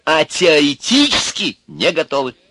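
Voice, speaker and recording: Man voicing a fussy old sage, shrill, high, lively pitch, dry sound. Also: measured pace, no echo, full character voice. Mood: stern. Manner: shrill, excitable, stern. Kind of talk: audiobook character voice.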